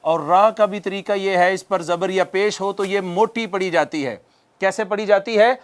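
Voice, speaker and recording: A man teaching Quranic recitation on a TV lesson, explaining patiently to viewers and drawing out Arabic phrases slowly as models to repeat. He speaks with a Pakistani Urdu accent. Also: high-pitched. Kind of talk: televised tajweed lesson.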